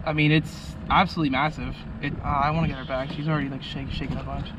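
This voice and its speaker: A young man giving excited casual fishing vlog commentary in frat-bro slang, saying dude constantly. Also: a little high, fast talker, dull audio. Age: young adult. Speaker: fishing vlogger. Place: outdoors on small boat on canal. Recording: windy outdoor noise on boat.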